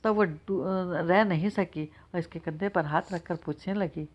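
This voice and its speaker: Woman narrator with a slightly low voice. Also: husky, dull audio. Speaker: audiobook narrator. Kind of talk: scripted novel narration.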